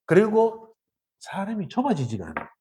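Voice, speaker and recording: Gyeongsang dharma teacher, husky, highly animated pitch, colloquial temple-hall talk. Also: normal speed. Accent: Gyeongsang Korean. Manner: colloquial, acts out little dialogues.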